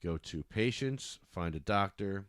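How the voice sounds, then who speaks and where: A man hosting a casual call-in podcast helps a caller navigate a website and gets increasingly worked up, swearing, apologizing, and flaring up. His low, clean voice is expressive and a little slow, captured in a dry, studio-quality recording.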